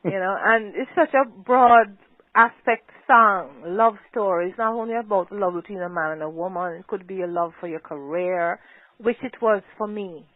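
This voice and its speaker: An older, talkative woman who is a singer chats as a guest in a phone interview, laughing often. Her voice is medium-pitched at a moderate pace, heard over a tinny, dry phone line.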